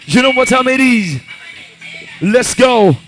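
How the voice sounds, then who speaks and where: A Nigerian man MCs a live event in a very high-pitched voice, with music playing behind him. He hypes the room with punchy promo call-outs and short chants on the microphone. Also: expressive, takes it slowly. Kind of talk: live crowd hyping on a microphone at a radio station's event. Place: lounge event.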